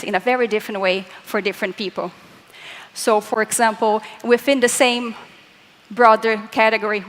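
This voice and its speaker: A young woman from Latin America, a physicist whose first language isn't English, gives an earnest, explanatory conference presentation on stage in a large conference hall, addressing the audience directly. Her voice is a little high and fairly bright. Reverb from the large room fills the recording.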